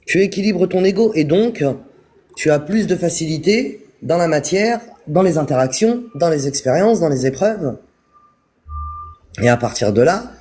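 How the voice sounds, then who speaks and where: A man giving a calm, repetitive spiritual talk on a live stream, speaking straight to his viewers. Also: high-pitched. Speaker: spiritual teacher.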